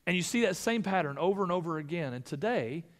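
A male pastor giving an earnest, measured sermon in church, with occasional restarts. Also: high voice, lively intonation.

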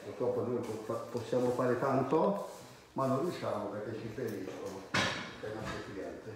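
A man, a hairdresser giving a casual, halting live demonstration in his salon. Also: fairly low pitch. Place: indoor hair salon. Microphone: phone held a short distance away. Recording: very echoey salon, faint background noise.

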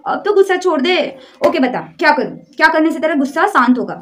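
A woman's voice: high voice, very animated, fast. A young woman performing a one-sided comedy sketch, playing a suspicious girlfriend who scolds, nags and pleads with an unseen boyfriend. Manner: nagging, suspicious, switching between scolding and pleading. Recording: loud background music.

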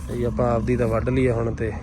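Outdoor noise from machinery runs clearly behind a Punjabi man with a mid-range voice. He talks like a farm vlogger, casual and folksy, chatting to viewers and calling out to workers in everyday village speech. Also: mid-range voice, completely flat delivery, quick pace. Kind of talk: casual vlog chat. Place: outdoors in farm fields beside a running harvester.

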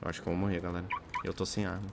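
A man in an in-character game roleplay, provoking and mocking others with quick comebacks. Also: low voice, level tone, creaky, a little hiss or hum. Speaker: roleplay streamer.

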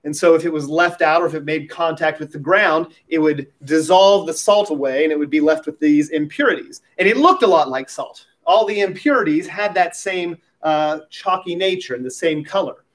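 A man preaching a sermon at a pulpit microphone as pastor, talking in a conversational way with light humorous asides. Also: fairly high pitch.

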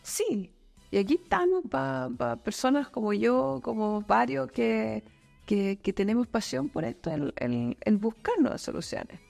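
A woman's voice: on the high side, very animated, measured pace, creaky, a little mellow, soft background music. A woman in her fifties from Chile, a guest talking thoughtfully in an office studio interview, with many fillers and restarts. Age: 50s. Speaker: guest, company manager. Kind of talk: casual interview chat. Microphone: desk boom mic.

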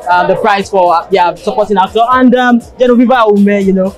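A man with a Nigerian accent giving live red carpet updates as a TV reporter, hesitant and repeating himself. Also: high-pitched. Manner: hesitant, repetitive, halting delivery. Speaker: TV entertainment reporter. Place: indoor red carpet backdrop at an awards show. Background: music.

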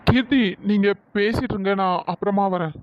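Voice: medium pitch, fairly quick, no room sound, lightly acted. A performer voicing an earnest young man in a cartoon, protesting urgently to his mother. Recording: dull lo-fi dry sound.

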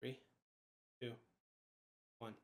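A man filming a casual home vlog, excitable and bursting into loud disbelief. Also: drawn-out words. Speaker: video creator.

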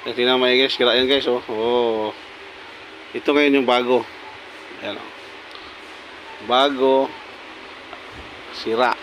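A man at his workbench talks casually as he takes apart a pump, his mid-range voice steady and unhurried. He keeps pointing out old and new parts in quick remarks. A faint hum of the room sits under his voice. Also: medium pitch, rough recording. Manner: talks while working, many short pointing remarks. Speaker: repair technician. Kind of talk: casual repair walkthrough. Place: workshop bench.

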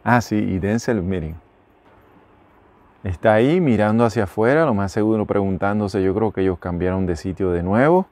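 A middle-aged vlogger with a Puerto Rican accent, originally from Puerto Rico, rambles casually to his arm's-length phone camera in the small interior of a motorhome, correcting himself as he talks. His voice is on the low side and a little mellow, at a moderate pace.

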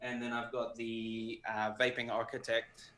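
A man's voice: medium pitch, monotone, unhurried, sharp tone, low-quality recording. A young man co-hosting a casual livestream, talking informally with some swearing. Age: young adult. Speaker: co-host. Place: indoor room, livestream video call.

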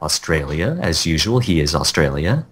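A man's voice: extremely low pitch, expressive, normal speed, fairly bright tone, breathy edge. A man hosting a podcast in casual chat, opening the show in an upbeat, announcer-like way. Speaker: podcast host.

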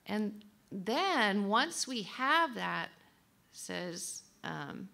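A woman teaching a sermon at a conference, checking in with her listeners and reading song words softly. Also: medium pitch, sing-song, gravelly. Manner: slow, warm teaching with audience prompts; reads song lyrics softly. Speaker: speaker at a women's conference.

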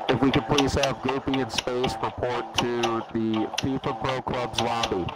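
A man voicing a rude store announcer speaking over the intercom in a flat announcer tone. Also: medium pitch, a little slow, over loud music, pitched below the performer's own voice, low-quality recording. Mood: mock announcing.

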